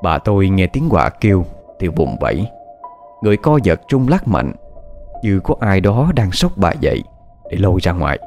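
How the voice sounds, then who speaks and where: A man with a Southern Vietnamese accent narrating a horror tale, expressive and dramatic. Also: deep voice, normal speed, faint music behind.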